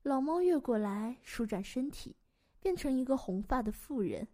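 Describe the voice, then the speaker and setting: A woman narrating a fantasy story in a gentle, even reading voice. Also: high voice, moderate pace.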